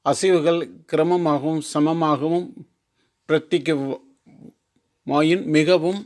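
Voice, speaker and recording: A man reading a formal religious text aloud, slow and careful, sometimes restarting long words. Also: fairly high pitch, steady tone, a little mellow. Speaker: teacher.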